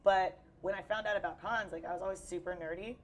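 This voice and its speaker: At a busy convention hall, a young cosplayer with a Texan accent is interviewed and chats casually, upbeat and full of fillers while her voice is going. She talks at a quick pace, her voice on the low side with fairly even intonation.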